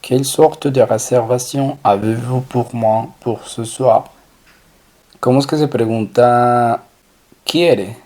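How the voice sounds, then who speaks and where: A man teaching French in a recorded lesson, slowly drilling and repeating each phrase. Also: medium pitch, steady tone, a little mellow. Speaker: language teacher.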